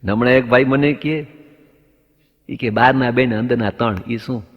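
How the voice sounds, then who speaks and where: A man's voice: mid-range voice, steady tone, moderate pace. A man doing stand-up comedy, telling anecdotes and acting out both sides of the dialogue up to the punchline. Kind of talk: stand-up comic storytelling. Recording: dull lo-fi sound with long hall reverb.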